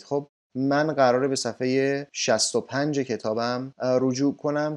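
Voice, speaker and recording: A man giving a recorded English lesson, saying each word slowly and clearly, then explaining it quickly. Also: medium pitch, darkish tone. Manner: slow, clearly stressed English words between quick spoken explanations. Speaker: English teacher.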